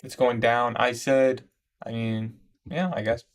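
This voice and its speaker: A little slow, his mid-range voice stays level in tone. He's a 21-year-old man from Iraq hosting a trading livestream, commenting on trades and answering chat loosely with slang and calling his viewers "bro."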